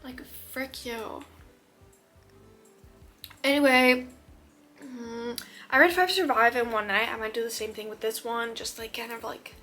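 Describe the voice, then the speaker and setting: A woman chatting casually as a book vlogger, gushing and excitable, sometimes dropping to a whisper. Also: fairly high pitch, moderate pace, faint music behind. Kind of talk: casual chat. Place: her room. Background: faint rain.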